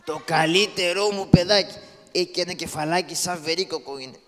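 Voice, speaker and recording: In a live shadow-puppet show recorded in an echoey hall, a man voices a scrappy, poor comic father who bossily teases and scolds his children. His voice sits high but stays close to how he'd normally talk.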